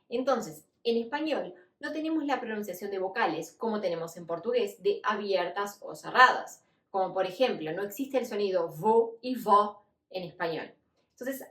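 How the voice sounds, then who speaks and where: Latin American woman teaching, echoey room. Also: medium pitch. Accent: Latin American Spanish. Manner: clear, patient explaining with repeated examples. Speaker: Spanish teacher. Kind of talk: online language lesson.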